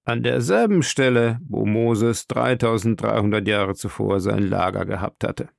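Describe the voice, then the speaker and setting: A man narrating an audiobook in a steady, measured way. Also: on the low side, gravelly, dry recording, studio quality.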